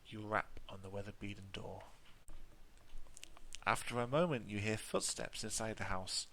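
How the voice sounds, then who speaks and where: A man's voice: fairly low pitch, moderate pace, vocal fry, a bit bright, a little hiss or hum, rough recording. A man playing a tabletop game on his own, reading the gamebook aloud and breaking off for hesitant asides. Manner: hesitant asides with fillers and restarts. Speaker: solo tabletop game player.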